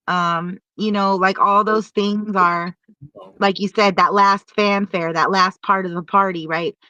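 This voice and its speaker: A woman's voice: medium pitch, fairly even intonation, bright, forceful tone, no echo, highs cut off. Earnest woman giving blunt advice. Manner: earnest, lecturing, drawn-out phrases.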